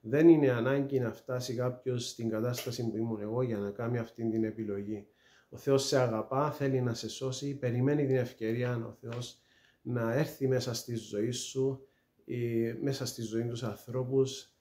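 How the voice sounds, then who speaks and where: A middle-aged man giving an earnest personal faith testimony, hesitant, with many pauses and fillers. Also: mid-range voice, fairly even intonation, mellow. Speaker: testimony speaker. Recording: echoey room.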